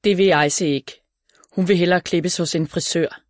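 Woman, children's story narrator, calm even delivery, low voice, dry close recording. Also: dry recording. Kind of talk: reading a children's story aloud.

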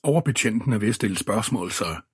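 A man's voice: on the low side, animated, slightly rough. A man voicing a pale young police constable who politely calls everyone sir, in an audiobook reading. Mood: calm helpful.

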